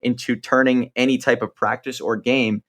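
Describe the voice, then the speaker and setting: A man's voice: medium pitch, flat delivery, moderate pace, a bit bright. A man hosting a podcast interview, encouraging his guest and summing up ideas in a friendly, conversational way. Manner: encouraging, sums up and adds ideas. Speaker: podcast host. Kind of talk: interview chat.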